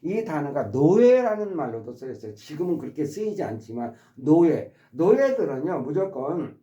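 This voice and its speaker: Lively mellow-voiced man teaching vocabulary. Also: fairly high pitch, normal speed, roomy sound, dull audio. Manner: repeats words and demonstrates stress patterns; addresses subscribers politely. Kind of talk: explanatory vocabulary lesson.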